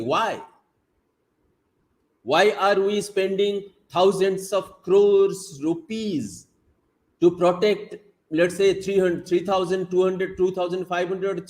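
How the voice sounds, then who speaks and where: A man's voice: sits high, a little mellow, poor audio. A man from Odisha with an Indian English accent, whose first language is Odia, giving an emphatic online lecture with many fillers and repetitions. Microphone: video call.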